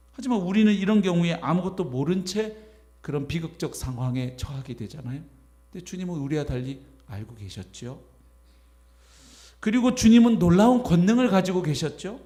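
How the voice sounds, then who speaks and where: A man preaching a sermon as pastor, animated, acting out imagined voices as he goes. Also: high voice. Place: church sanctuary.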